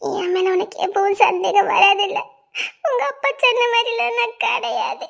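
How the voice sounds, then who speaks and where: A woman's voice: very high voice, animated, moderate pace, gravelly, a bit bright, exaggerated voice. A young woman, acting an anxious village girl in love who pleads to be trusted. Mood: pleading. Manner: tearful, pleading. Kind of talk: web series drama acting.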